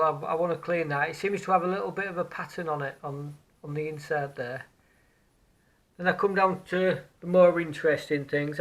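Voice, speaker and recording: On a beach, a man with a slightly high voice chats casually about what he's found metal detecting. He sounds musing and hesitant, often repeating words, and the recording is low quality.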